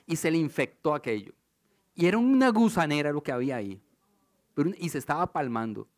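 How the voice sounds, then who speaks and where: A man with a Costa Rican accent preaching a sermon, telling stories and asking rhetorical questions, moving between loud and hushed delivery. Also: a little high, animated, fairly quick. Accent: Costa Rican Spanish.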